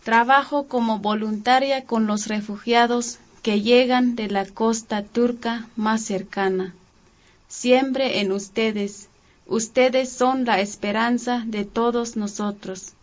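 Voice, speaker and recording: A woman's voice: a little high, fairly even intonation, slow pace. A woman from Italy delivers a prepared greeting as a radio listener. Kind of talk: prepared spoken message. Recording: dull lo-fi radio sound.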